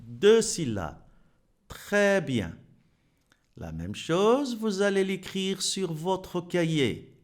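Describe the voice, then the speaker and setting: Very slow, patient male French teacher. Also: sits high, very animated. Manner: slow, patient, repeats words and claps out syllables. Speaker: primary school French teacher. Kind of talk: slow teaching lesson for young children.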